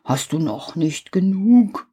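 A woman voicing the kind, patient old moon, speaking slowly and gently in a lowered voice. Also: lively intonation, breathy edge, heavily acted. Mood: gentle.

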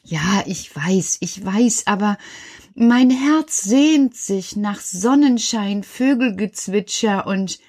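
A woman's voice: medium pitch, expressive, slow, a little mellow. A woman presenting for children, chatting casually and explaining plants simply. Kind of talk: casual chat.

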